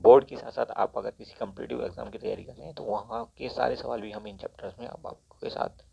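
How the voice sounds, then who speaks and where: A man's voice: medium pitch, very animated, quick pace, creaky, mellow, breathy edge. A man, a teacher walking students through a syllabus and steadily repeating section numbers. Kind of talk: syllabus walkthrough lesson. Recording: dull lo-fi recording.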